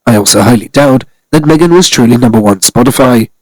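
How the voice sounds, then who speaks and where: A man's voice: medium pitch, quick pace, a little mellow, no echo, poor audio. A man narrating a scripted celebrity news commentary, reading steadily from articles.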